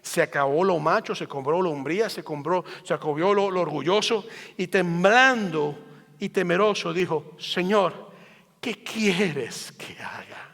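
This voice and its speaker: A man's voice: sits high, moderate pace, gravelly, a bit bright. A man pastor delivering a sermon, emphatic and rhetorical, building his points through repeated phrases. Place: church sanctuary. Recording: long hall reverb.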